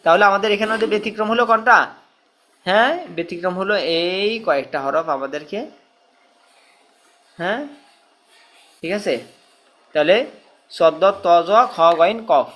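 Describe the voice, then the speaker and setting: A man teaching Quran reading, chanting letter-and-vowel drills in a steady rhythm and pausing to explain with questions. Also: high-pitched. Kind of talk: spelling drill lesson.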